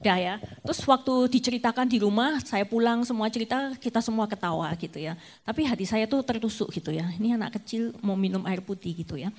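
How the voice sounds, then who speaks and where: A woman's voice: fairly high pitch, fast talker. Chatty middle-aged woman giving testimony. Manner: conversational, heavy with fillers and tag phrases. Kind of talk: personal testimony in a casual talk.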